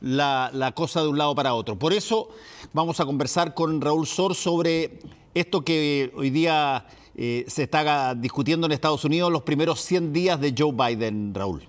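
Older man, studio news anchor, slightly high pitch, conversational intro with fillers. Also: normal speed.

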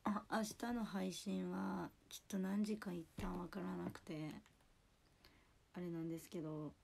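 Husky-voiced young woman with a Toyama accent. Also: fairly low pitch, steady tone, a little slow, a little mellow. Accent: Toyama dialect. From Toyama, Japan. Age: 20s. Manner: chatty, apologetic. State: husky, lowered voice. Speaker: idol livestreamer. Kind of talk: casual livestream chat.

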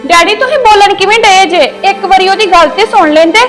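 A woman's voice: very high voice, fast talker, a bit bright, soft background music. A young woman playing a loyal younger daughter who earnestly pleads with her father for her sister. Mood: pleading. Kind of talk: domestic drama acting.

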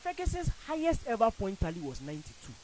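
A Ghanaian-accented man argues football as a panelist on a radio studio show, emphatic and theatrical in the animated debate, using a studio boom mic and headphones. His high voice swings hugely in pitch at a quick pace and is a little mellow, but the audio is poor.

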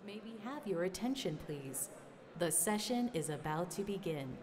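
Woman, venue announcer, over a loudspeaker, lowish voice, hum of a crowded hall behind. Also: expressive. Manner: polite, measured announcement.

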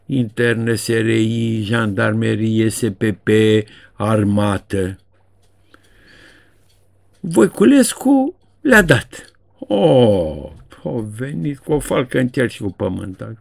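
A man's voice: expressive, vocal fry, no echo. A man in his seventies, a journalist, giving a casual, sarcastic commentary monologue in a colloquial way. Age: 70s. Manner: colloquial, sarcastic, swings widely in pitch. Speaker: journalist and video blogger.

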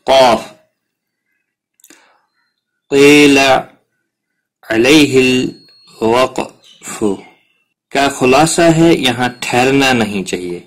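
A man's voice: medium pitch, long pauses. A man teaching Quran recitation rules in a patient, step-by-step lesson, giving examples as he goes. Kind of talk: explanatory lesson.

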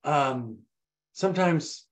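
An older man preaching a sermon as pastor, animated and repetitive, acting out voices. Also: takes it slowly, poor audio. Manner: animated, repeats phrases, acts out voices with rising pitch. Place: church.

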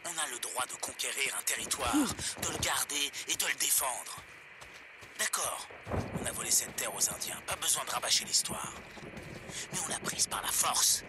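A man's voice: mid-range voice, animated, normal speed, heavy background noise, natural voice. A male actor playing a defiant survivalist pirate radio host in a video game, ranting politics in a preachy, emphatic way. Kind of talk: pirate radio monologue, fiery political rant. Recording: loud music over the voice.

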